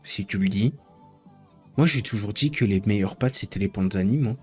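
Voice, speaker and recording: Male streamer, low husky voice, loose joking chatter with viewers, faint music underneath. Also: moderate pace. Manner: rambling, joking, teasing chat. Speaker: live streamer. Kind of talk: casual live-stream chat with viewers.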